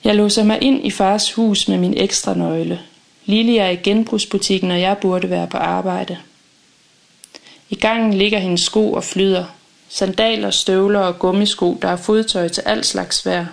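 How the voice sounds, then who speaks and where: A woman reading a first-person audiobook in a calm, measured, intimate way. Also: medium pitch, creaky. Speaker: audiobook narrator.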